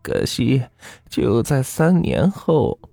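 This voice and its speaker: A man voicing a stern, sorrowful old village grandmother, talking slowly and gravely in a husky voice. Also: mid-range voice, very animated, warm tone, no echo, faint music behind, voice pushed up, exaggerated voice. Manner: slow, heavy, grave speech.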